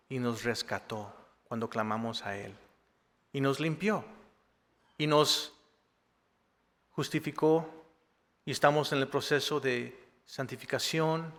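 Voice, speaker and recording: Un pastor asistente mexicano que predica un sermón en tono cercano, con bromas y preguntas retóricas como «¿verdad?». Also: male voice, a little high, a bit bright, long reverb tail. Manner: conversational, joking asides with rhetorical "¿verdad?". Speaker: assistant pastor. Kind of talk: sermon. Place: church sanctuary.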